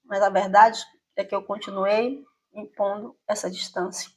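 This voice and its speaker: A woman in her fifties from Brazil hosts her own channel and tells a personal story. She speaks in a reflective, conversational monologue at a medium pitch and often checks in with a "né?". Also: steady tone, normal speed, husky. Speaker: channel host.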